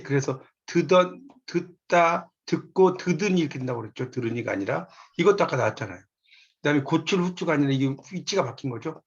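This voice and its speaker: Man, university lecturer, patient and methodical; slightly high voice, muffled low-fidelity capture. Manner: directs students to pages and lines, explains patiently. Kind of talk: textbook-based lecture.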